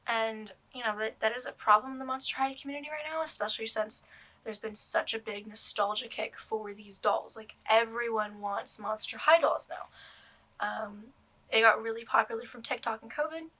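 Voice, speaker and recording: Bright-voiced young woman rambling about a purchase. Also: a little high, fairly even intonation, moderate pace. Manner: rambling, many ums and restarts. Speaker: doll collector vlogger. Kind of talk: casual vlog review.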